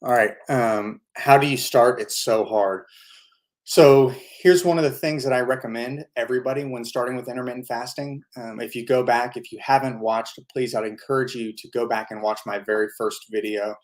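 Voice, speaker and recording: A man's voice: mid-range voice, steady tone, normal speed. A man in his thirties hosting a casual live-stream Q&A, answering viewer questions with easygoing stories and plenty of fillers. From United States. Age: 30s. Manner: easygoing storytelling with frequent fillers.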